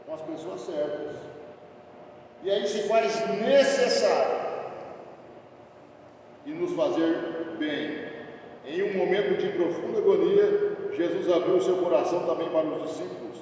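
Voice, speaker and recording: A man's voice: sits high, unhurried, pauses often, dark tone, slight background noise. A man with a Brazilian Portuguese accent teaching a Bible class earnestly, asking rhetorical questions and calling listeners brother. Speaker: Sunday school teacher. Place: church hall. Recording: echoey church hall, distant mic, dull sound.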